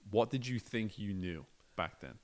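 A man with a very low voice hosts a podcast interview. He asks his questions in a measured, reflective way, building each one up slowly. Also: lively intonation. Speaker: podcast host.

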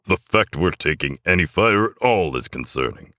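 A man playing Santa as a gruff, commanding old military leader with a growling voice in a comic audio story. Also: sits low, lively intonation, moderate pace, sharp tone, no room sound, clean studio sound, pitched above the performer's own voice.

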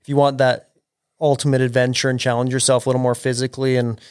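A man co-hosting a casual podcast, agreeable and quick with short affirmations. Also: medium pitch, flat delivery, clear, resonant tone, no room sound, clean studio sound. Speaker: podcast co-host.

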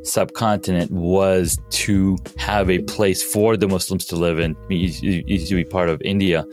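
A man's voice: sits low, steady tone, moderate pace, a little mellow, soft background music. A man from Pakistan, a podcast guest, talking casually with many fillers and restarts. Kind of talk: casual interview talk.

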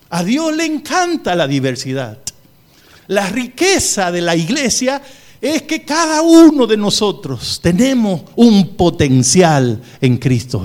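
A middle-aged male pastor preaching a sermon with emphatic repetition, humorous asides and wide swings in pitch. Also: darkish tone.

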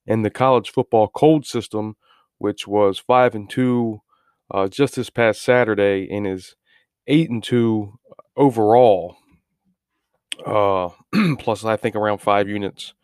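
Halting man who often repeats his words. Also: lowish voice, darkish tone, smooth, no echo, studio quality. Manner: repeats words and restarts phrases; halting, frequent filler words. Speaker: sports betting podcast host. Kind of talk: informal solo recap of betting results.

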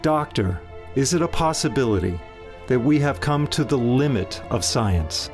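An actor playing a calm, protective head of a monastery in an audio drama, speaking in a measured, reassuring way. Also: male voice, medium pitch, natural voice. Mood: calm, courteous. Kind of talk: dramatized audio story acting. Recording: loud music under the voice.

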